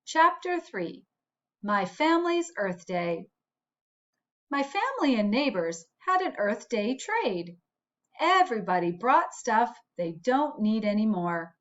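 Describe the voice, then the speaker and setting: A woman's fairly high, fairly bright voice moves expressively through each sentence as she reads slowly to young children, much like a school principal at story time. Her phrases are clear and teacherly, with asides along the way, on a somewhat dull recording.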